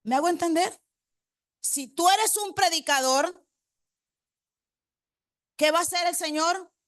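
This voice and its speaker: A woman's voice: very high-pitched, takes it slowly, a bit bright, no room sound, clean studio sound. A woman preacher delivering a congregational sermon. She quizzes the congregation with rhetorical questions and repeats key phrases for emphasis.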